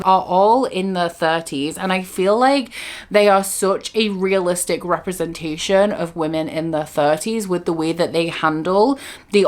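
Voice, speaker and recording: A woman talks through her favorite reads in a relaxed, chatty monologue. Her voice sits a little low, and she drops casual fillers as she goes. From Greater Manchester, England. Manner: chatty and enthusiastic, frequent "like" fillers. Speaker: book vlogger. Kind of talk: casual book review monologue.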